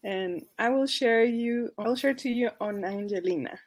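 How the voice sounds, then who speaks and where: A woman with a Mexican accent and a fairly high voice, speaking at normal speed, appears as a podcast guest and charity advocacy worker. She earnestly and carefully tells a case story, often restarting and correcting herself.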